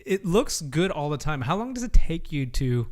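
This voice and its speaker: A man's voice: a little high, big pitch swings, moderate pace. Rambling podcast co-host, man. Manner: rambling, many fillers and "right?" tags. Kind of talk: casual chat.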